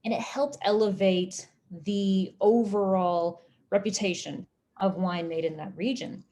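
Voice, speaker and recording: Woman, American accent, mid-pitched voice, history lecturer, deliberate phrasing, explanatory. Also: fairly even intonation, mellow. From Oklahoma, United States.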